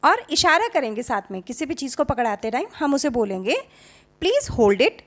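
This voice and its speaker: A woman giving a home-teaching lesson as a YouTube teacher, mixing Hindi with English words. She talks deliberately and repeats model sentences. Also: sits high, very animated, a bit bright.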